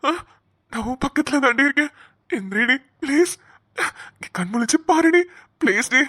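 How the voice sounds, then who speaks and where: A woman voicing a distraught young man who cries and begs his injured love to wake up in an animated cartoon. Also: high voice, moderate pace, dry recording. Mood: grieving. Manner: pleading, sobbing, repeating her name. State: crying.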